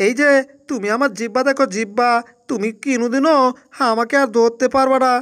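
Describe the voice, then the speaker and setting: A woman's voice: a little high, brisk, natural voice. A woman voicing a boastful, easily panicked male cat in a Bangla cartoon dub, full of exclamations. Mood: gloating. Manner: rhyming boasts, exclamatory wailing.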